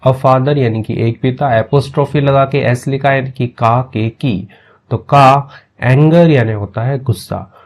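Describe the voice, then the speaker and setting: A man teaching through a story, reading each phrase slowly and then explaining it, often checking in with the listener and giving everyday examples. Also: mid-range voice. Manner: slow, deliberate reading of English phrases between quick explanations; keeps checking in with "ठीक है" and gives everyday examples. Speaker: English teacher.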